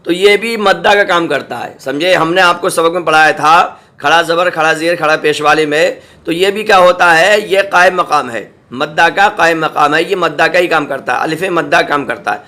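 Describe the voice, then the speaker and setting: A man teaching Quran reading, spelling out syllables slowly and patiently and often checking that students follow. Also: a little high, bright, forceful tone. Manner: checks in with "samjhe?" and "theek hai". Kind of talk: spelling-out recitation lesson.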